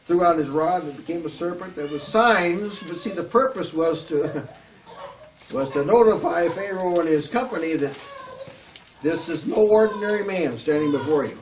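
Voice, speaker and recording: A man's voice: a little high, moderate pace. An older man with a Southern US accent preaching an earnest, emphatic sermon at a lectern, often restarting his phrases. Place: small room before a curtain backdrop, at a lectern. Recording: echoey room, slightly distant mic, faint hiss.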